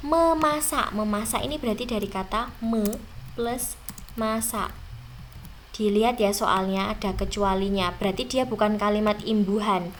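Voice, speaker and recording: Speaking in a mid-range voice over slight background noise, a young woman reviews exam material with her students. She talks to them directly, slowly elongating the words she wants to stress.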